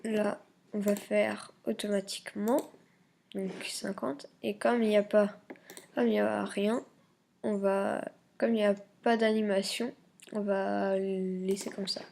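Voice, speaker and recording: Slow, gravelly woman hesitantly explaining software. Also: mid-range voice, level tone, a little hiss or hum. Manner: hesitant, many fillers and self-corrections, muttered asides. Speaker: YouTube tutorial maker. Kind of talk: screen-recording software tutorial.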